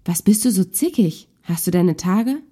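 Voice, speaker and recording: A defensive, needling husband in the middle of a domestic quarrel, as a woman narrator voices him. The voice is dark and mellow, dismissive and quick to hit back, in a spoken-word story reading. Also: lowish voice, natural voice. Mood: irritated. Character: irritated husband in a marital spat.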